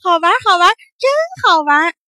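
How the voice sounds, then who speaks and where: A cheeky small boy from a children's storybook, put on by a woman laughs at his own pranks. His voice sits high and carries sharp and bright, leaping up and down. Every line comes out gleeful and excited. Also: a little fast, exaggerated voice. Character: mischievous playful little boy, loves games.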